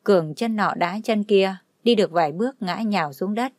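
Woman storyteller, even steady reading, dry close mic. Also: medium pitch, moderate pace, no echo. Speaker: story narrator. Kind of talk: scripted narration.

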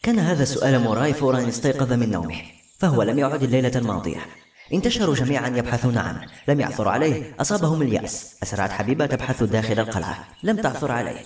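Fast-reading male novel narrator. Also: medium pitch. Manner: brisk, steady reading. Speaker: audiobook narrator. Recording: roomy echo.

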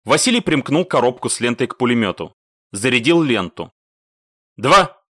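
A man narrating a military audiobook in an expressive, animated way. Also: medium pitch, fairly quick, dry recording, clean studio sound. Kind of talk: scripted narration.

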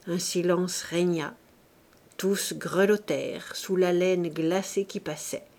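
A woman narrating a classic novel as an audiobook reader, in a measured, expressive reading. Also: medium pitch. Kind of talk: scripted narration.

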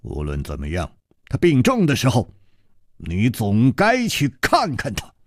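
A man voicing a calm, worldly male swordsman hero who speaks slowly and sighs wryly. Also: dry recording, studio quality. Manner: slow low-voiced sighing speech.

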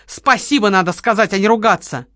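A narrator voicing a young woman who shouts sharp, high warnings in an audiobook. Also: a little fast, dry recording, clean studio sound, lightly acted. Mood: curt, angry. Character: young woman, alarmed and fierce. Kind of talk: audiobook character voice.

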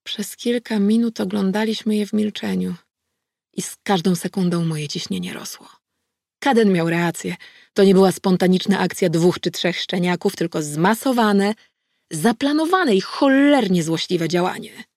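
A woman reading a first-person audiobook in a measured, wry storytelling manner on a close mic. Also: medium pitch, creaky, darkish tone, no room sound. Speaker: audiobook narrator.

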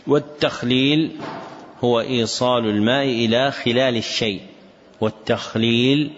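A man teaching a lesson, explaining the text in a measured, deliberate way, recorded in an echoey hall with dull lo-fi sound. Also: mid-range voice. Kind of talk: scholarly lesson commentary.

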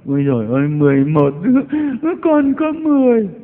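A man mimicking an old woman wailing a shrill, exaggerated lament at a funeral. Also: sing-song, quick pace. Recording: echoey hall over tinny broadcast line.

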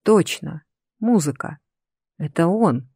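An audiobook narrator reading a fantasy novel in a lively, expressive storytelling manner. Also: medium pitch, slow, husky, dry recording. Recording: dry close recording.

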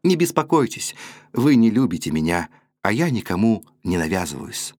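A man's voice: on the low side, big pitch swings, moderate pace, a little mellow, no room sound. A man voicing a passionate, proud eighteen-year-old woman who speaks with emotional reproach. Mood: reproachful.

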